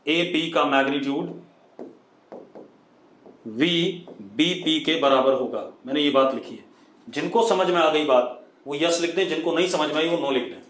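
In an echoey room with a bit of hiss or hum, a man with a slightly high, fairly bright voice teaches physics online live at a somewhat slow pace. Mixing Hindi with English, he calls students "beta," reads out phrases one word at a time, and frequently checks they understand.

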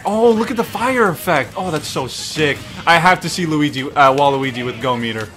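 A man giving excited, casual video game commentary, exclaiming and swearing freely as he plays. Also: fairly high pitch, moderate pace, faint music behind. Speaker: gaming streamer.

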